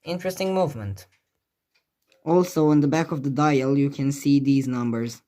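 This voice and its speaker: A collector shows off a clock in a relaxed hands-on demonstration, sitting indoors next to its ticking. The voice is mid-range and warm at a moderate pace, thinking aloud in a musing, hesitant way.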